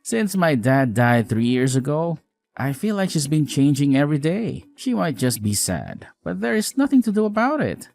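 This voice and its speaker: Playing a tired, apologetic newlywed husband in a scripted audio drama, this man's voice sits a little high with vocal fry, at normal speed. He's earnest, expressive, caring and frank, with a resigned mood.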